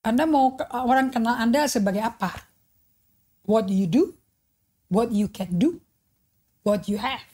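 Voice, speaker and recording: A middle-aged woman preaching a sermon as pastor, with lively delivery, acted quotes and English phrases dropped in. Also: a little high, a little slow, long pauses.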